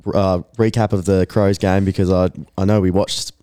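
A man with an Australian accent co-hosting a casual sports podcast, slightly hoarse and rambling as he chats. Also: low-pitched, little pitch movement, moderate pace, warm tone, dry recording, clean studio sound. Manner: rambling, chuckling banter. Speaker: podcast co-host.

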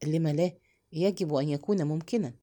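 A woman voicing a proud, bold yet tender young woman, speaking softly and intimately in a storybook reading. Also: sits low, brisk, voice pushed down, lightly acted.

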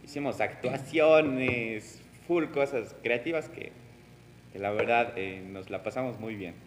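A man's voice: mid-range voice, measured pace, long reverb tail, background noise. A young man, chatting casually and fondly about school friends. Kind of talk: casual chat.

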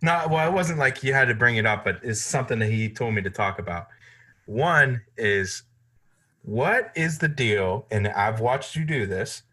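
A man's voice: mid-range voice, lively intonation, moderate pace, pushed and bright, husky. A man hosting a casual chat, asking questions in a loose, talkative way. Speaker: host.

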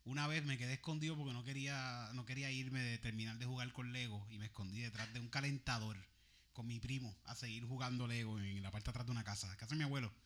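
A young man, co-hosting a casual chat and telling animated stories with laughs and sound effects. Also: medium pitch, quick pace, a little hiss or hum. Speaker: podcast co-host.

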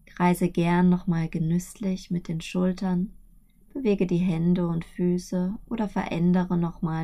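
A woman narrating a guided sleep meditation in a soft, breathy, soothing voice that is often hushed close to a whisper. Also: on the low side.

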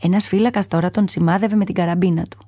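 A woman narrating a children's story aloud in a calm, measured reading, sometimes falling to a soft whisper. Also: on the low side, no room sound, studio quality.

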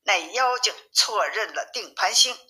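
A woman narrating a classic novel in a steady, expressive storytelling manner. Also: mid-range voice, unhurried, low-quality recording.

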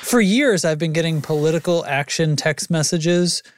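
A man in his thirties chats casually on a podcast he co-hosts. He rambles through jokey everyday stories, and his voice sits a little high. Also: normal speed. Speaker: podcast co-host. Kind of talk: casual chat.

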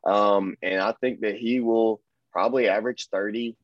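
It's a casual basketball conversation in which a lowish-voiced man talks at normal speed and in a steady tone, enthusiastic and full of hype. His sentences trail off into fillers, and the recording is dull, dry, and lo-fi with no echo.

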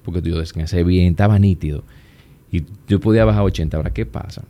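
A man with a Dominican accent, chatting as a guest and telling stories in a relaxed, easygoing way. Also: deep voice, fast. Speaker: guest, plastic surgeon. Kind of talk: casual conversation.

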